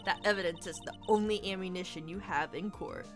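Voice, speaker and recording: A woman reading the lines of a calm female mentor lawyer giving advice. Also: lowish voice, fairly quick, music in the background, lightly acted. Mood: instructive.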